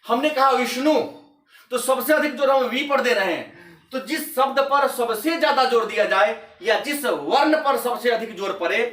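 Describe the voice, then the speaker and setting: A male teacher with a very high, bright and forceful voice. He gives a classroom grammar lesson and repeats his definitions slowly so students can copy them. The sound is roomy and echoey, picked up from some distance. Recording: echoey room, mic at a distance.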